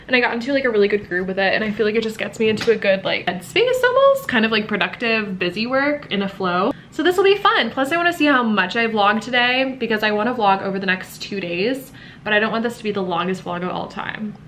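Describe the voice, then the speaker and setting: A woman in her twenties chatting casually to camera in a bubbly, laughing vlog from her bright apartment. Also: mid-range voice, lively intonation, fast, slight background noise. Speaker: lifestyle vlogger. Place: bright apartment room at home. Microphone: camera mic at arm's length or on desk.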